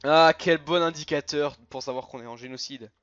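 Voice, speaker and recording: A man giving animated, chatty let's-play commentary with quick outbursts of frustration, over a dull recording with faint game music. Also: a little high. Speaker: gaming youtuber.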